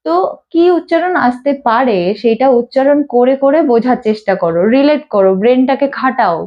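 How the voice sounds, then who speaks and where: A woman's voice: high-pitched, a little fast, muffled recording. A woman teaching pronunciation in a classroom, patiently repeating each sound over and over. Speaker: English teacher. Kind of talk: spoken lesson to a small class. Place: classroom with a board.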